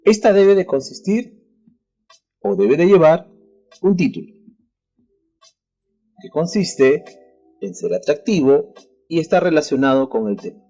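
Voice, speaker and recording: A man's voice: fairly high pitch, lively intonation, a little slow, long pauses, dark tone, soft background music. A man with a Peruvian Spanish accent teaching a school lesson over the radio, explaining step by step and addressing students directly. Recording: dull lo-fi radio broadcast.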